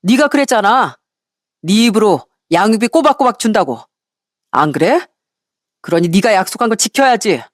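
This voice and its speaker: A woman's voice: mid-range voice, big pitch swings, moderate pace, long pauses, dry recording, studio quality. A woman voicing a divorced man who answers his ex-wife coldly and firmly. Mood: cold rebuke. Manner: cold, cutting, firm. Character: fed-up divorced man, cold and firm.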